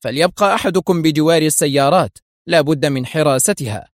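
A man voicing a scheming male mafia lieutenant who taunts, then shouts in alarm. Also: fairly high pitch, fast talker, dry recording, studio quality, voice pushed up, close to an everyday voice. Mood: urgent. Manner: mocking, turns panicked and shouting.

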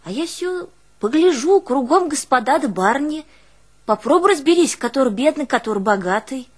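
In a one-woman stage play, the actress speaks at normal speed in a voice that sits high. She plays an emotional, artless peasant woman with a northern Russian village dialect, recalling her life in a folk monologue with folksy exclamations and musings.

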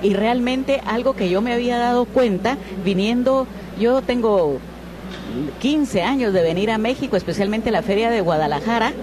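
A woman's voice: a little high, normal speed. A woman, a book editor and interview guest, explaining things in an enthusiastic, flowing way. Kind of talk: interview answers. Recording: noisy outdoor traffic background.

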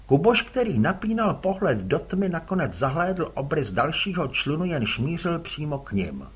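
Male audiobook narrator, fairly high, husky and very animated delivery. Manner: expressive, dramatic reading. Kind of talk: scripted narration.

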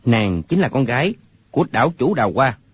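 A woman doing a deep-voiced earnest young hero. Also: very animated, a little fast, breathy edge, no room sound, full character voice. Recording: muffled lo-fi recording.

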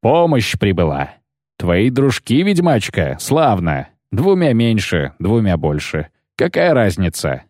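A man's voice: fairly low pitch, wildly swooping pitch, takes it slowly, a little mellow, dry recording, clean studio sound, exaggerated voice. A man voicing a menacing older bounty hunter who growls and sneers. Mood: sneering.

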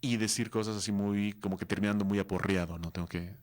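A man's voice: fairly low pitch, steady tone, fast, darkish tone. A man hosting a live comics show, chatting casually in a neutral Mexican accent and reading out viewer comments. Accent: neutral Mexican Spanish. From southeastern Mexico. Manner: chatty, reads out viewer comments and answers them. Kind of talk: live-stream casual chat.

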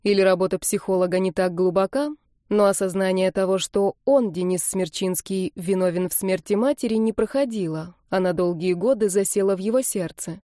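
A woman narrates an audiobook with steady, dramatic storytelling. Her voice is dark and mellow at a middle pitch, recorded close on a studio mic in a dry room. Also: fairly quick, dry recording. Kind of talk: scripted narration.

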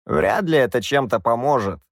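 A man's voice: medium pitch, expressive, moderate pace, dry recording, studio quality, lightly acted. A man voicing a hesitant, fussy old court wizard. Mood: cautious.

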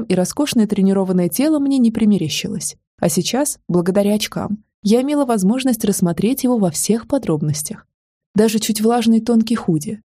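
Husky-voiced woman narrating an audiobook. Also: medium pitch, dark tone, dry recording, studio quality. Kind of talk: first-person audiobook narration.

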